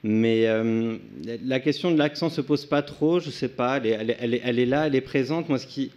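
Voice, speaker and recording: Fast-talking, casual male author. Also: medium pitch, darkish tone. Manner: quick, casual, some restarts. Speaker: author guest. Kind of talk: conversational answer. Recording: dull lo-fi sound.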